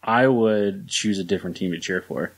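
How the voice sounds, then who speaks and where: A man's voice: low-pitched, moderate pace, gravelly, breathy edge. A man co-hosting a casual sports podcast, blunt and sarcastic, laughing often. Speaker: podcast co-host.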